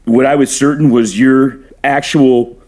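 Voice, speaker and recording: Man as a surfer best friend, sheepish, hesitant, mid-pitched. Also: steady tone, unhurried, darkish tone, close to an everyday voice. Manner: hesitant, over-earnest.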